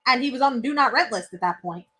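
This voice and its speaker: A young woman telling a story in casual podcast chat, animated and profane, laughing often. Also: sits high, quick pace, breathy edge. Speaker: podcast co-host.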